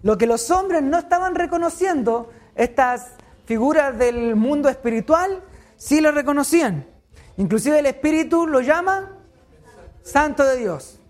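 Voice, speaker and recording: A woman's voice: high voice, animated, measured pace, a little mellow. A woman leading a Bible study, asking the group questions and answering them herself.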